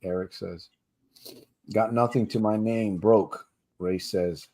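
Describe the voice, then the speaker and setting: A man's voice: lowish voice, steady tone, slow, warm tone. A man hosting a casual livestream for gamblers in recovery, plain-spoken and slangy, coaching listeners directly and laughing easily between points. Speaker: podcast host for gamblers in recovery.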